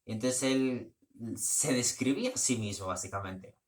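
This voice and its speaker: A man's voice: medium pitch, moderate pace. A man giving a casual spoken plot summary in a loose, rambling way, often restarting his sentences. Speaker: book reviewer.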